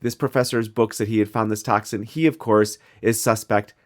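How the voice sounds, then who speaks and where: A young adult man with a Midwestern American accent, co-hosting a podcast in casual, jokey chat. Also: fairly low pitch. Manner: animated, jokey, quick restarts. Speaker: podcast co-host.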